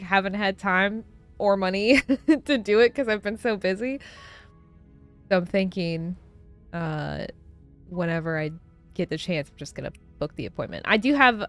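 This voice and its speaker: A young woman streaming from home and chatting casually on a close desk mic, rambling with lots of fillers and frequent laughs. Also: lowish voice. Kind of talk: casual chat while gaming.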